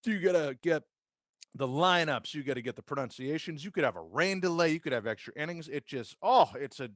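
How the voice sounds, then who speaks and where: Brisk and lively, the Massachusetts-born PA announcer and radio host shares career stories in a relaxed podcast interview, speaking with an American accent. His pitch is fairly high and his tone fairly bright, captured at studio quality with no echo.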